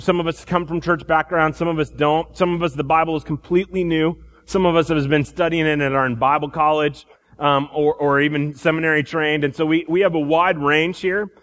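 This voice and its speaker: A preacher giving a sermon at a pulpit microphone, in a relaxed teaching tone with frequent restarts. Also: male voice, fairly high pitch, in a large hall.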